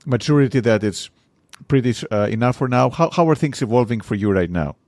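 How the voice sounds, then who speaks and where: A man hosting an interview, asking questions in a measured, thoughtful way with pauses. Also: mid-range voice, lively intonation, darkish tone, no echo. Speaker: podcast host.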